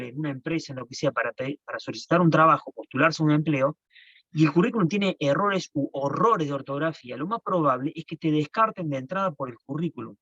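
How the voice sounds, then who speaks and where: Speaking through a computer mic on a video call, this online teacher explains things patiently, frequently starting his phrases over. He has a slightly high, somewhat bright voice with no room sound, and the call audio comes across dull, dry and lo-fi.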